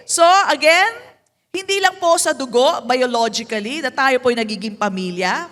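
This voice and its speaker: Bright, high-voiced Filipino woman preaching. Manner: mixes English and Tagalog, drawn-out emphasis, playful asides. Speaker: pastor. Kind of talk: sermon. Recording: echoey hall.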